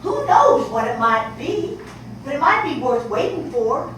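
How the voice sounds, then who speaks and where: An actress plays an aging, desperate mother on stage, her high voice leaping wildly as she pleads with her daughter. The sound carries from far off in an echoey hall with background noise. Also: big pitch swings, unhurried, a bit bright, full character voice. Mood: pleading. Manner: pleading, emotional outbursts. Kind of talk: stage play acting.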